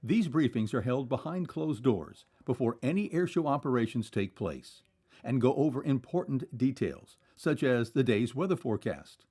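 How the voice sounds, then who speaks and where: A man's voice: mid-range voice, animated, normal speed, warm tone, husky. A man reading scripted documentary narration in a polished, explanatory way.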